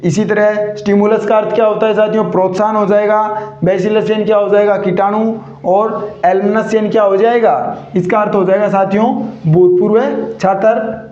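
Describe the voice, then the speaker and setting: A man's voice: high voice, level tone, normal speed, few pauses, a little mellow. A male teacher giving a grammar lesson, constantly asking questions and repeating the answers. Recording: echoey room, dull lo-fi sound.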